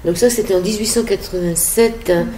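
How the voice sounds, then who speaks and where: A woman's voice: medium pitch, fairly quick, dark tone, reverberant, a little hiss or hum. A woman hosting a radio interview, asking questions in a conversational, slightly hesitant way. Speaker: radio host.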